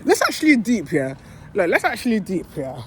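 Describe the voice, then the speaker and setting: A woman's voice: mid-range voice, huge pitch swings, fairly quick, fairly bright tone, slight background noise. A woman, a football fan giving a heated, swearing reaction rant that keeps circling back on itself. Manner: heated, swearing, repeats herself.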